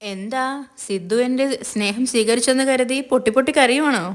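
A woman's voice: fairly high pitch, a little fast, pitched above the performer's own voice, close to an everyday voice. Woman voicing a teasing, knowing young friend. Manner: teasing, probing.

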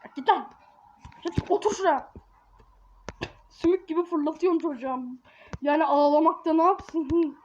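A woman's voice: sits high, moderate pace, pauses often, a little mellow. A woman giving casual, slangy gameplay commentary, joking around and scolding a baby in the game. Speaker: gaming YouTuber. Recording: dull lo-fi with faint hiss.

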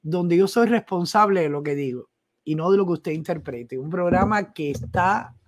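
Speaking at a normal pace in a fairly low voice, a middle-aged woman from Cuba runs a casual live-stream news show out of her small home studio. Using a desk mic and a Cuban accent, she warmly greets viewers by name and reads out their comments in a chatty way.

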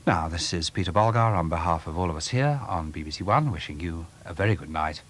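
A man giving a formal, measured TV continuity announcement, heard from a worn old VHS tape copy. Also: low voice, expressive, a bit bright, slight background noise. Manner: measured, polite, formal delivery. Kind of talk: formal scripted broadcast announcement. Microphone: studio announcer microphone.

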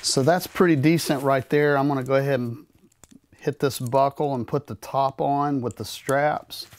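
A man in his thirties giving a relaxed, plain-spoken demonstration of camping gear while handling it in a carpeted room at home. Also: mid-range voice, moderate pace, a little hiss or hum. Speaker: gear reviewer. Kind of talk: casual product demonstration. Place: carpeted room in a house, indoors.

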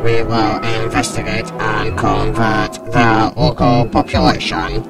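A cold cyborg commander speaks through a metallic robotic filter in a flat, clipped, mechanical way. He talks very slowly, at a middling pitch. Loud music plays under him. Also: gravelly, low-quality recording. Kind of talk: fan audio drama voice test.

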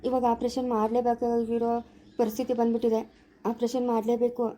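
Woman acting as a firm doctor, high mellow voice, quick delivery, rural Chikkaballapura Kannada accent. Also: monotone, natural voice. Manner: firm, matter-of-fact, explaining. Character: calm doctor explaining a needed heart operation. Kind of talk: village family drama acting.

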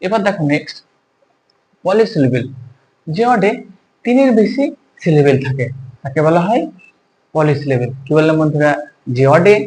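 A man's voice: on the high side, a little mellow, a little hiss or hum, rough recording. A male teacher explaining a grammar lesson, asking the viewers questions and stretching words out syllable by syllable. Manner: repetitive, drawn-out syllable-by-syllable pronunciation; keeps asking the audience questions. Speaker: English teacher.

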